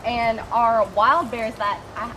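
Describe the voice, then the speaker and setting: Speaking slowly in a steady, slightly high voice, a cheerful zookeeper casually explains things to visitors with enthusiasm. The setting is an outdoor animal habitat, where ambient sounds are clearly heard.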